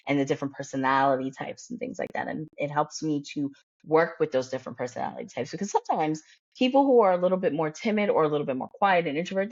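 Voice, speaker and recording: Bold, blunt woman coach, low voice. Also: dry recording, lo-fi sound. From United States. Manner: bold, blunt, animated, laughs often. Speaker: guest, career development coach. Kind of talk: casual podcast conversation.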